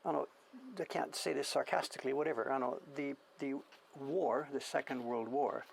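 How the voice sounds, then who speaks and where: Chatting while he works on a studio stream, a printmaker in his seventies rambles and muses, often questioning himself as he reminisces. Born in England and from the Canadian prairies, he has a generic Canadian accent and a creaky mid-range voice at normal speed. The audio quality is poor.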